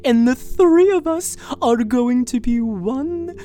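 A woman's voice: sits high, expressive, slow, warm tone. A woman voicing an unhinged, possessive captor in an audio drama monologue, coaxing and sing-song one moment and screaming with rage the next. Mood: sweetly creepy. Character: unhinged possessive captor, sweetly menacing villain.

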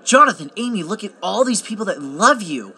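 Man playing a bright, chatty young best man. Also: sits high, big pitch swings, a little fast, exaggerated voice. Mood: chatty, playful. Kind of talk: naturalistic found-footage drama acting.

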